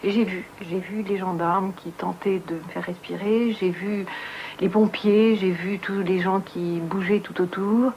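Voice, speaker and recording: A woman giving a personal testimony, halting and searching for words, often repeating herself. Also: medium pitch, fairly even intonation, a little mellow, a little hiss or hum. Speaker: near-death experience witness.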